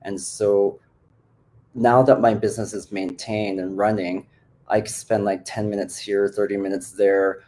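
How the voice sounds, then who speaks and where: Male coach born in the Philippines, very low voice, relaxed and filler-heavy, on a video call. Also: unhurried. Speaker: business coach. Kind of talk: casual online group call.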